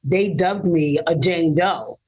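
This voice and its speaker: A woman's voice: fairly low pitch, slow, slightly rough, low-quality recording. Earnest woman in her fifties telling her story. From Baltimore, Maryland, US. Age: 50s. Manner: earnest, animated, laughs easily. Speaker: interview guest. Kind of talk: personal storytelling in an interview.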